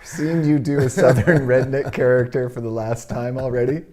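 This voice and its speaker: A man's voice: mid-range voice, steady tone, moderate pace, mellow. Wry rambling male co-host. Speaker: podcast co-host. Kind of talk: casual chat.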